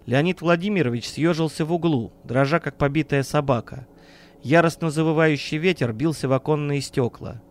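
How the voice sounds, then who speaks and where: A man narrating a horror audiobook in an even, measured storytelling manner on a close mic. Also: fairly high pitch.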